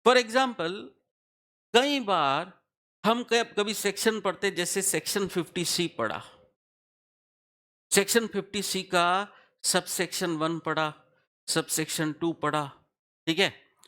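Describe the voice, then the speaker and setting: Slow, high-voiced male tax lecturer. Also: pushed and bright. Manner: explains step by step, often asks the class questions and checks understanding. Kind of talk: classroom lecture.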